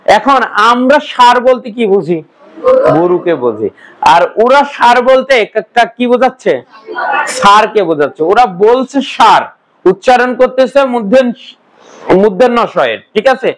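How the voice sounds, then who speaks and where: Young male teacher, high voice, lectures and keeps quizzing the class. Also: lively intonation, normal speed, low-quality recording. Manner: quizzing students with repeated questions. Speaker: Bengali grammar teacher.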